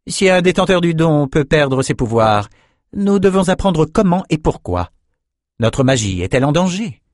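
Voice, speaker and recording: A woman's voice: low voice, very animated, normal speed, darkish tone, no room sound, voice pushed up. A haughty sorcerer-queen of a magic city speaks in a raised, commanding voice, as a male audiobook reader puts her on. The sound is dry and close. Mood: imperious. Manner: commanding, imperious.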